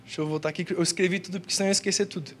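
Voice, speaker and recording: A man's voice: high voice, steady tone, very fast, a little hiss or hum. A young man with a Brazilian accent preaching a casual, earnest testimony sermon in church, full of slang. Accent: Brazilian Portuguese. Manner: slangy and earnest, peppered with "cara" and "velho". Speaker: youth preacher.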